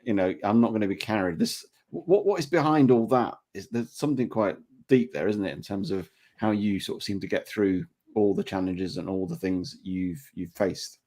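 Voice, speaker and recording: Mellow male podcast host. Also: on the low side. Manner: halting, restarts questions often. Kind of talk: interview questions.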